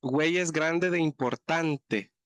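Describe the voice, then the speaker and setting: Guy teaching an online class, keeps checking everyone's following, slightly high voice, dry close sound. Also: takes it slowly, a bit bright, dry recording. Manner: patient, explanatory, checks understanding with "¿verdad?". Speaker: Nawat language teacher.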